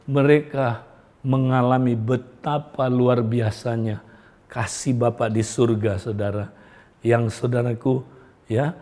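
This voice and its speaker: A male pastor delivers a storytelling sermon in a voice of ordinary pitch. He keeps addressing his listeners directly, and his phrases often sink low and quiet at their ends.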